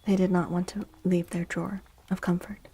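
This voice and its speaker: Speaking a little fast in a lowish, husky voice with a level tone, a woman reads tarot on a livestream. Her ASMR delivery is soft-spoken and near-whispered, close to the microphone, gentle and reassuring.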